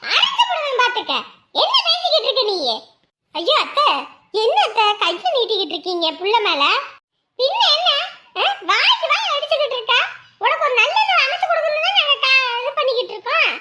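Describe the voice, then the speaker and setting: A shrill, bright-toned mother scolds without letup. She nags, makes threats and fires rhetorical questions at her grown daughter in a family web drama. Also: sing-song, brisk, a little hiss or hum, heavily acted. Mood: scolding. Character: scolding middle-aged village mother, stern.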